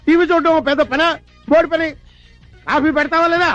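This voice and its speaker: An actor playing a hot-tempered, bossy police inspector who barks threats in a film comedy. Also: male voice, very high-pitched, little pitch movement, brisk, no echo. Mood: exasperated. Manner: shouting threats, exasperated. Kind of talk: Telugu film comedy acting. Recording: dull film soundtrack with faint music.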